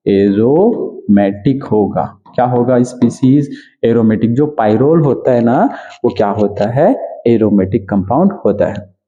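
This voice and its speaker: A man teaching a chemistry lecture. He asks questions and answers them himself, repeats key terms, and drags key words out slowly. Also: mid-range voice, mellow, muffled recording. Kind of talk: exam-prep lecture.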